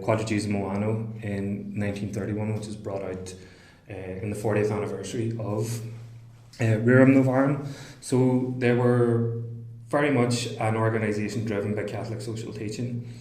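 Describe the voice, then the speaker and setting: A man with a Northern Irish accent, a historian talking through his research in a casual interview, pausing often with fillers and restarts. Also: lowish voice, a little mellow, echoey room, low-quality recording. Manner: thoughtful, with frequent fillers and restarts. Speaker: historian guest.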